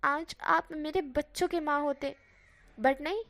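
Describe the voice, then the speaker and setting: A woman voicing a teasing, possessive young man who speaks in a rough tone. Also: high-pitched, steady tone, unhurried, a bit bright.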